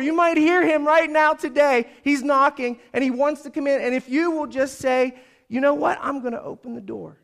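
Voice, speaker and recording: High-voiced preacher building to loud calls. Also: male voice. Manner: storytelling preacher who builds to loud, high-pitched exhortation. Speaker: pastor. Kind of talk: sermon. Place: church service.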